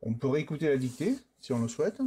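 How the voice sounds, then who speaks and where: A man narrating a step-by-step software demonstration in a plain, explanatory way. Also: medium pitch, lively intonation, quick pace, slightly rough. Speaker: software tutorial presenter.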